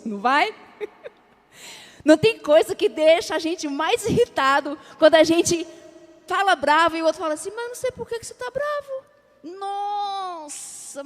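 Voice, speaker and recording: A woman with a Brazilian Portuguese accent preaching a sermon, drawing the congregation into call-and-response and acting out everyday dialogue. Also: sits high. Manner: lively, acts out everyday dialogue. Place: church sanctuary. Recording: long church hall reverb.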